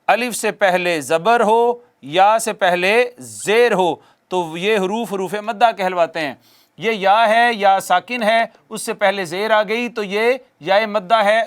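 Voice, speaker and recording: A man teaching Quran recitation rules on television, explaining patiently, quizzing viewers and reciting words slowly for them to repeat. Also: sits high, clear, resonant tone. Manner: asks the audience questions and answers them himself. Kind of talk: televised tajweed lesson.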